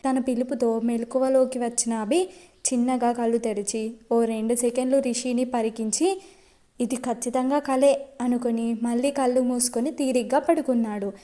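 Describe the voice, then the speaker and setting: A woman with a high voice narrates her own romance serial. Her delivery is steady and storytelling, carrying the listener from one scene to the next. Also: normal speed. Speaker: writer and narrator.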